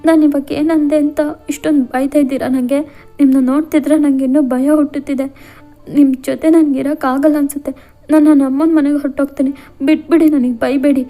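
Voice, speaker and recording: A timid young wife who pleads in a high, anxious voice, as a woman puts her on for a storybook-style audio tale. The tone is dark and mellow, with faint music underneath. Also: steady tone, normal speed, lightly acted. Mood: tearful.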